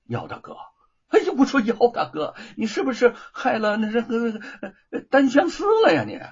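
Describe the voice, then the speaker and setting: A husky-voiced man voicing a carefree young scholar who teases his friend in a storytelling performance. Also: high-pitched, huge pitch swings, a little slow, voice pushed up, exaggerated voice. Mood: teasing. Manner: bantering, breezy, teasing. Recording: dull lo-fi recording.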